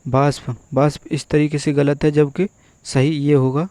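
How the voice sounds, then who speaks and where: Male tutor for exam prep, unhurried and repetitive, slightly high voice, dry close recording. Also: little pitch movement, warm tone, dry recording. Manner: slow, methodical, repeats each word. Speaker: Hindi teacher. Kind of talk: exam-prep spelling lesson.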